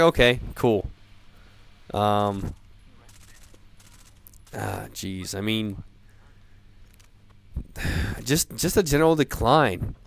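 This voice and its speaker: A man in a profane off-the-cuff gamer rant, sounding drunk, rambling haltingly and repeating himself. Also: on the low side, a bit bright, clear, resonant tone. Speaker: gamer ranting about video games.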